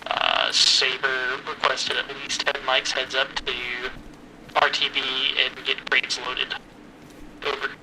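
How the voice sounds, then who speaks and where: Guy on crackly military radio, element leader calling in, clear noise behind him. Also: medium pitch, monotone, slow pace. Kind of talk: military radio procedure in a tactical game.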